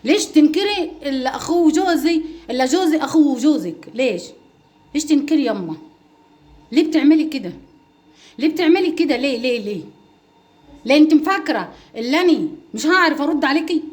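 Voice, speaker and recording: Middle-aged woman, talks super fast and pleading, keeps repeating herself on a livestream. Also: high voice. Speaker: mother and home-cooking vlogger. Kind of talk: livestream reply to critics.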